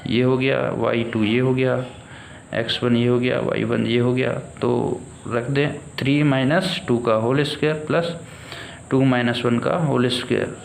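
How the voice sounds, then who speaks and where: A man teaches at a board, breaking each idea into slow, deliberate steps and checking in with his students as he goes. He speaks at an ordinary middle pitch. The room gives his voice a hollow echo, with a faint hiss in the background. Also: vocal fry. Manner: slow and deliberate, mixes in English terms, checks in with "okay, students". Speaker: physics teacher. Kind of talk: blackboard lesson explaining step by step. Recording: echoey room with faint noise.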